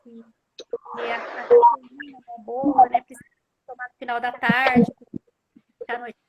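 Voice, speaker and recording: Woman, Brazilian accent, high pitch, glitching call audio, patient explaining tone, video call. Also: sing-song, a little slow, a little mellow, breathy edge, no echo, muffled recording. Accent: Brazilian Portuguese. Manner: patient, explanatory, ends points with "tá?" and "né?". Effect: choppy, glitching call audio that cuts out. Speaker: breastfeeding advice guest. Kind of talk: remote interview, explaining.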